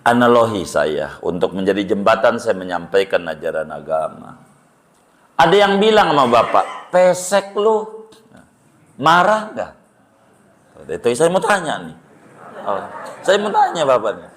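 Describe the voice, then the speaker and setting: A man's voice: lowish voice, normal speed. A middle-aged man preaching to a congregation, firing rhetorical questions at his listeners and joking as he teaches. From Indonesia. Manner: animated, rhetorical questions to the audience, jokes. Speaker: Islamic preacher. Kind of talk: sermon to a live congregation.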